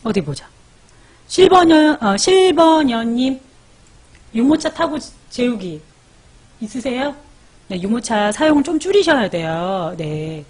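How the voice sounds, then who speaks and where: Woman, live-stream host, casual chat, husky, animated pitch, reads viewer comments aloud. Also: unhurried. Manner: chatty, calls out viewer names, gives parenting tips. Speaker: live-stream host and baby sleep coach.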